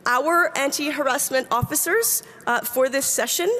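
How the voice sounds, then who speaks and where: Co-chairing a convention, a woman reads policy and makes announcements in both English and French, stumbling a little, her French showing an English-speaking accent. Her voice sits high with a sharp tone and a slightly slow pace, echoing with the long reverb of a big convention hall.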